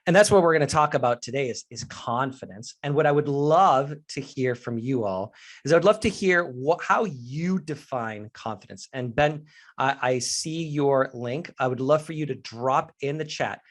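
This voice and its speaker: A Mexican man in his forties, a professional speaker and leadership trainer, leads a live online workshop on confidence. He talks candidly and earnestly straight to his audience at a moderate pace, with a medium-pitched, animated voice.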